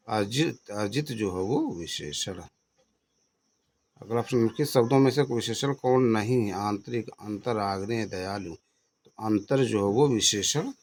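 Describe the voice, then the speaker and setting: A man teaching as an exam coach, who reads out each question's options, names the answer, and repeats words slowly to drill their correct spelling. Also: on the low side, vocal fry, darkish tone. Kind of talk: exam question review lesson.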